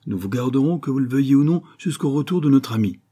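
A man's voice: medium pitch, lively intonation, warm tone, breathy edge, voice pushed up. A man voicing a blunt, hearty male police inspector in an audiobook reading. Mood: brisk. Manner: blunt, brisk.

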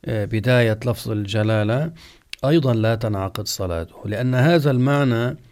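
A man teaching Islamic law at a deliberate pace. His voice sits at an ordinary middle pitch. He stretches out the words he uses as examples so the listener can hear the error he warns against. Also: a little mellow. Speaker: Islamic scholar teaching jurisprudence. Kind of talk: religious lesson, question-and-answer.

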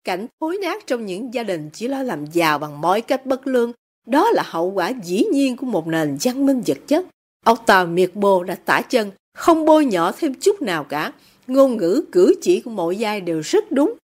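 A woman host of a literary program reads stage directions and then explains the scene. Her measured voice sits high and moves expressively. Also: very animated, darkish tone. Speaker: radio host. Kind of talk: literary reading and commentary.

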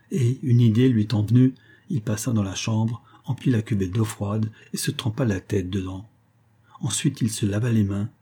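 A male narrator reads a classic novel with measured, expressive storytelling. His voice is low and mellow. It has a husky, slightly breathy texture. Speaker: audiobook narrator. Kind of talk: literary audiobook narration.

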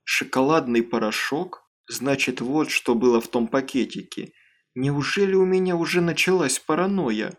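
A man reading aloud voices an anxious teenage girl, speaking in a hurried, hushed way. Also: mid-range voice, lightly acted. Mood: alarmed.

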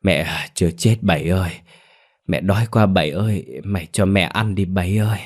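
A man's voice: low voice, moderate pace, a little mellow. A man voicing a frail old woman who pleads for food in a faint, wheezing whisper. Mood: pleading, hungry. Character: frail starving old woman, mother-in-law.

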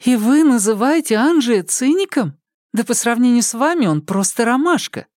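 A man's voice: very high voice, expressive, moderate pace, a little mellow, no room sound, clean studio sound, pitched above the performer's own voice. A man voicing an anxious, impulsive young woman who keeps pleading and asking questions in an audiobook.

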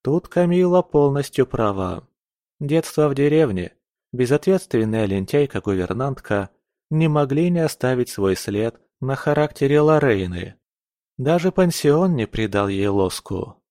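In clean studio audio with no room sound, a medium-pitched man narrates a novel. He's an audiobook narrator reading a script in an even, measured storytelling way.

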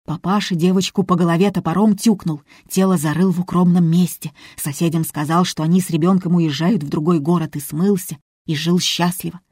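A frightened cook gabbles out a ghost story in a tearful rush, as a woman reading the audiobook puts her on. Her voice is low and mellow with a husky grain. She sounds shaken and breathless with fear. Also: fairly even intonation, no echo, clean studio sound. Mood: babbling. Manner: tearful, rushed babbling.

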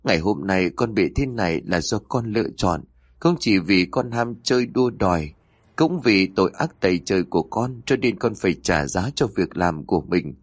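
A man's voice: sits low, animated, moderate pace, no room sound. Dying young woman, weak and faint, dry recording - a man doing it. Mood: remorseful. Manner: faint, whispery.

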